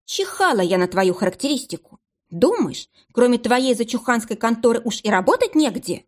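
A woman reading aloud and voicing a sharp-tongued, defiant young female office worker with a scornful, cutting manner. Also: a little high, very animated, moderate pace, voice pushed up.

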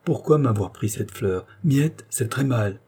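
A man's voice: mid-range voice, lively intonation, unhurried, dark tone, husky. A man voicing a proper young goddaughter who speaks primly and scolds. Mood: reproachful. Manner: prim, reproachful.

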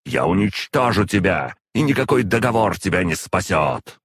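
A man reading an audiobook and voicing a furious, imperious female demoness who shouts and scolds. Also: a bass voice, moderate pace, slightly rough, dry recording, studio quality. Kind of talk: audiobook narration.

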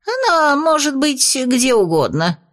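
A woman voicing a cowardly horned male imp with a strained, wheezing voice and drawn-out, pleading words. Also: high-pitched, huge pitch swings, pitched above the performer's own voice, full character voice. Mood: excited.

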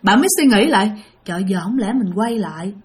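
A woman's voice: medium pitch, lively intonation, fast talker. Dramatic woman storyteller. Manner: dramatic, addresses listeners directly. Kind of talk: spoken ghost story narration.

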